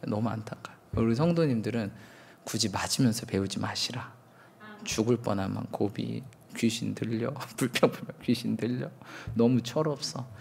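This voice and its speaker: A man's voice: fairly low pitch, moderate pace, creaky, darkish tone, slight background noise. A man in his thirties, a pastor preaching a sermon, telling candid self-mocking stories and acting out quotes.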